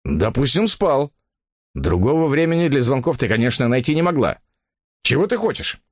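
For an audiobook story, a man voices a cold, irritable writer who replies curtly and with open impatience. The voice is medium in pitch, sing-song, and moderately paced, pitched above the performer's natural range, in a dry, studio-quality recording.

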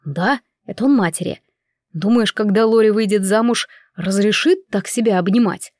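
A woman's voice: mid-range voice, animated, moderate pace, darkish tone, no room sound, clean studio sound, natural voice. A woman reading the lines of a playful, mocking young nobleman in a story. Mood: teasing. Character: teasing charming young nobleman.

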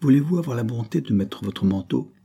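A man's voice: mid-range voice, expressive, fairly quick, vocal fry, dark tone, breathy edge, voice pushed up. A man voicing a shrewd, self-important police sergeant who keeps his clues to himself, in an audiobook. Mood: confiding. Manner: secretive and knowing.

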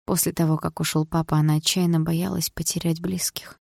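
A woman narrating a novel in the first person, reading in a steady, even storytelling manner. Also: deep voice, a little fast, creaky, no echo, studio quality. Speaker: audiobook narrator.

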